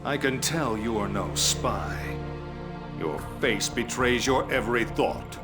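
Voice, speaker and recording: An actor playing a menacing, coldly amused military commander interrogating a prisoner, taunting and condescending in a game cutscene. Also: male voice, medium pitch, slow pace, lightly acted. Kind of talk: dramatic game cutscene acting. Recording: loud music behind the voice. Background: loud background music.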